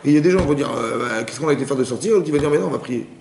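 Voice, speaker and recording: A man teaching a lively Torah class, firing rapid questions at his listeners and acting out cries. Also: medium pitch, creaky, reverberant. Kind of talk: lively interactive Torah lesson.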